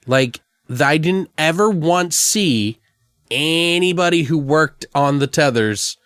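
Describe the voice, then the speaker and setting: A man's voice: a little high, animated, slow pace, fairly bright tone, clean tone, no room sound, clean studio sound. A man co-hosting a podcast, chatting loosely about a film and swearing freely. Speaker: podcast co-host. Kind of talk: casual film review chat.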